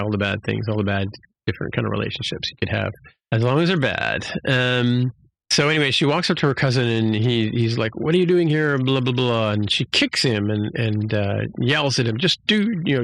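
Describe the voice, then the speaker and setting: A man's voice: on the low side, gravelly, a bit bright, no echo, low-quality recording. A man casually recapping a TV episode, rambling with fillers and restarts and acting out the characters' lines. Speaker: podcast host.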